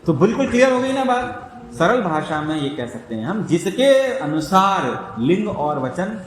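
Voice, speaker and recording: A man teaches a grammar class, walking through examples step by step and pausing to check that everyone follows. His voice sits high and swings through a wide, lively range. The sound rings in an echoey room with a long reverb tail. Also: a little hiss or hum. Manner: explains step by step, checks understanding often. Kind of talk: classroom lecture.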